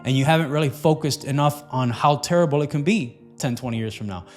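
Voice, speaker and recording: A man's voice: medium pitch, fast talker, faint music behind. A man coaching on fat loss in an earnest, loose motivational talk, with repetitive phrasing and plenty of fillers.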